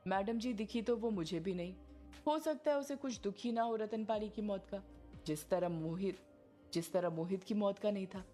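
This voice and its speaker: A woman's voice: medium pitch, normal speed, warm tone, faint music behind, natural voice. A woman voicing a nervous, deferential young male police constable who answers his boss in a hurry. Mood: flustered. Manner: flustered, deferential.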